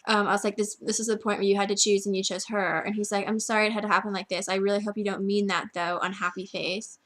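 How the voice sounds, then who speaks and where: A teenage girl tells a long story to a friend in a loose, rambling way. She keeps repeating "like" and slips into quoting what people said. Her voice sits in an ordinary middle pitch. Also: flat delivery, fast, fairly bright tone. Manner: chatty, constant "like" filler. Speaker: vlogger.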